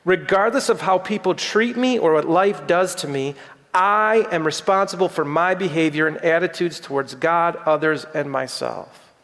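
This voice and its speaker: Middle-aged male pastor, earnest sermon delivery, repeats lines for weight, high-pitched, reverberant hall sound. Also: normal speed, a bit bright. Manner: earnest preaching, repeats phrases for emphasis.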